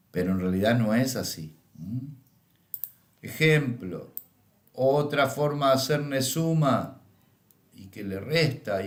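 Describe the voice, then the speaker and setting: A man's voice: mid-range voice, echoey room. A middle-aged man with a Rioplatense Spanish accent, teaching an astrology course through anecdotes and often checking in with a questioning "¿m?". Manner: tags lines with questioning "¿m?" and "¿eh?". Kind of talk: lecture with anecdotes.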